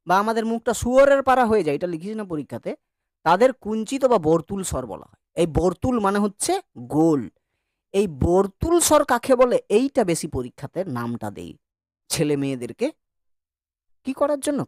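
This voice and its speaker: A man's voice: sits high, darkish tone, no room sound, studio quality. A man teaching an online grammar class, chatty and joking as he drills vowel sounds with his students.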